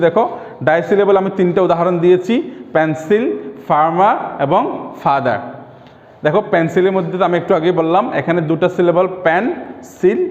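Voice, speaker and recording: A man teaching an online English lesson for primary school pupils, explaining patiently and sounding out example words slowly, syllable by syllable. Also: on the high side. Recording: echoey room, dull lo-fi sound.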